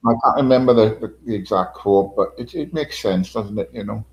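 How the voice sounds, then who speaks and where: A man's voice: fairly low pitch, fairly quick, low-quality recording. A man hosting a casual live-stream chat, rambling and filling gaps with "you know".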